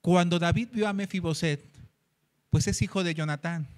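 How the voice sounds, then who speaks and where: A man with a Mexican Spanish accent preaching a sermon, acting out dialogue with lively voices and sometimes singing a hymn. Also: high-pitched, moderate pace. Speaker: pastor. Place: church meeting hall.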